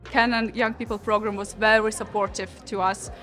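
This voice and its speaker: A woman's voice: mid-range voice, level tone, normal speed, fairly bright tone. A woman from Russia, speaking earnestly in plain about founding a course for young people. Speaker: founder of a teen photo and film course. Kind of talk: documentary interview. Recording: background music under speech.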